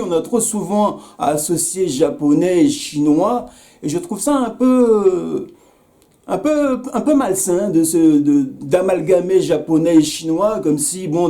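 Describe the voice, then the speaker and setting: A man's voice: fairly high pitch, dark tone. A man speaking straight to camera in a video commentary, earnest and repetitive, with many hesitations, calling out another creator by name. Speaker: YouTube commentator. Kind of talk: direct-address video commentary.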